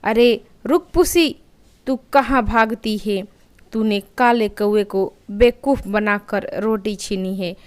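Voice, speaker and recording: Bullying cartoon dog, threatening, slow and clear, a woman acting it out. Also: medium pitch, natural voice. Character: bullying growling male dog.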